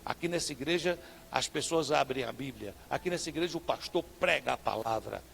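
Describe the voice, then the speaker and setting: A male pastor with a Northeastern Brazilian accent, preaching a sermon with rhetorical questions and sudden loud bursts. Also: mid-range voice, animated, brisk, vocal fry, slight background noise. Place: church service.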